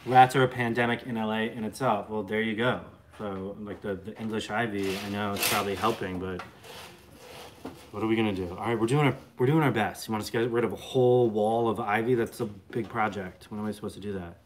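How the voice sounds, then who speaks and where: A man's voice: on the low side, steady tone, brisk, a little hiss or hum. Rambling man in his late thirties. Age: late 30s. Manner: rambling, joking, reading comments aloud. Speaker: live stream co-host. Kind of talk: casual live-stream chat. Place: bright living room at home. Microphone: phone camera close up.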